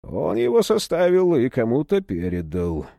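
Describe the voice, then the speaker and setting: Man doing a cold, bassy henchman. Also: moderate pace, creaky, no echo, heavily acted. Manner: bass, calm, indifferent interrogation.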